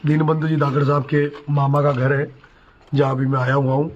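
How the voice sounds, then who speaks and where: A man's voice: a little high, flat delivery, moderate pace, a little mellow, highs cut off. A middle-aged man and election candidate making an earnest, courteous appeal to his supporters from inside a village home. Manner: pleading, courteous, rallying.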